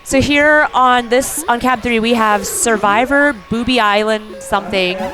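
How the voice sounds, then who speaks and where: A man's voice: extremely high pitch, measured pace, music in the background. A man casually commentating an arcade tournament stream, loose and chatty, often laughing.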